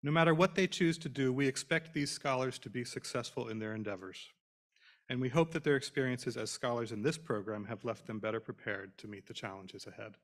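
A man introducing a scholarship program at a podium in an auditorium, speaking in a formal, measured way with phrases trailing off. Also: mid-range voice, fairly bright tone. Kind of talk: prepared speech at a podium. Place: auditorium stage. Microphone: podium microphone.

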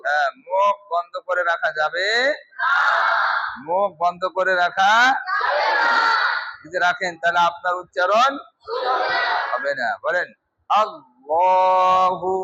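A man's voice: high voice, measured pace, long pauses, raised voice, dull audio, over a noisy crowd, very noisy. A man teaching Quran pronunciation in a mosque class, strictly drilling students call-and-response and scolding them.

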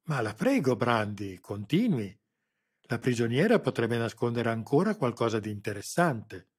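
A man's voice: mid-range voice, normal speed, darkish tone, husky, natural voice. A man voicing a cruel military colonel who gives cold, sneering orders. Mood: cold, mocking. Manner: cold, commanding, mocking.

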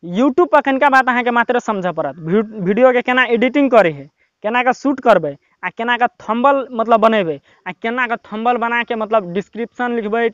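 A young man with a Maithili accent giving casual, rambling, encouraging advice to viewers, with lots of filler words, filmed by his brother in a quiet spot. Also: very high voice, no echo, lo-fi sound. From Nepal. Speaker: YouTube tips vlogger. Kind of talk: casual motivational talk to camera.

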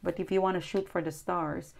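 A tarot reader, a woman from outside New Zealand whose first language isn't English, delivers an earnest, coaching reading indoors at a table, full of repetition and restarts. She talks a little fast in a fairly low, creaky, darkish voice with fairly even intonation.

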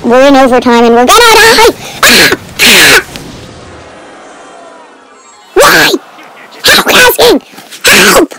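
A woman voicing a whiny girl friend, her recording sped up so it sounds higher and squeaky. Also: big pitch swings, slow, exaggerated voice, poor audio. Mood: panicked. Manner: loud, protesting, whiny. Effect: sped-up recording, pitched higher.

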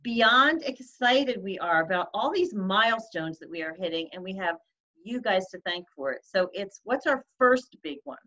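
A woman's voice: mid-range voice, lively intonation, normal speed, sharp tone. A woman co-hosting a casual online show, effusive and bubbly, laughing often. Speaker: co-host. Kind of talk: casual chat. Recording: slightly dull lo-fi sound.

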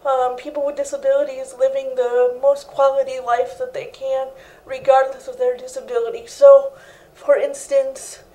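A young woman with a high, mellow voice and a flat, even delivery, speaking earnestly as an interview guest. She is recorded indoors on a lapel mic. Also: normal speed, poor audio. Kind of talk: interview answers. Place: living room set indoors.

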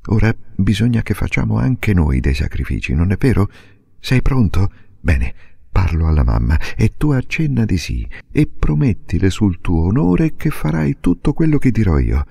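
A man's voice: lowish voice, very animated, moderate pace, gravelly, dark tone, husky, dry recording, clean studio sound, pitched above the performer's own voice, heavily acted. An actor playing an earnest, determined young girl who pleads and insists, in a storybook reading. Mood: earnest pleading.

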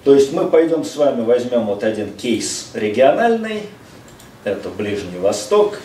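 A middle-aged Russian man, a visiting lecturer, sits at a table in a seminar room and delivers a measured lecture, hesitating often and slipping in English phrases. His medium-pitched voice is warm with a sing-song lilt. A distant room mic across the room picks him up in an echoey space with faint hiss.

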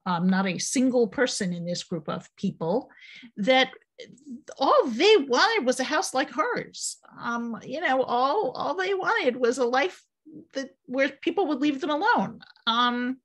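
An older woman, an author and former journalist, speaking on a video call from a home office in a slow, thoughtful way with many pauses. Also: high-pitched, lively intonation. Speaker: author and panel guest. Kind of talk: panel discussion on a video call. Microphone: video call webcam.

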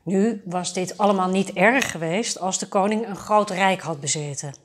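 A woman storyteller reading a fairy tale for adults aloud in a calm, measured way. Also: mid-range voice.

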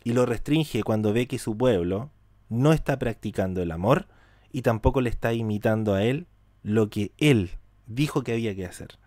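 A man's voice: medium pitch, expressive, moderate pace, a little mellow, dry recording. A man teaching mysticism in a spiritual talk, repeating words for emphasis and asking rhetorical questions.

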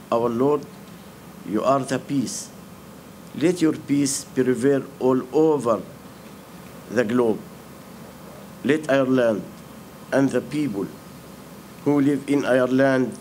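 A man's voice: mid-range voice, darkish tone. An older man, a cleric, giving a formal public prayer outdoors in short, solemn, separated phrases. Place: outdoor memorial ceremony. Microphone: stand microphones. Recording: faint outdoor ambient noise.

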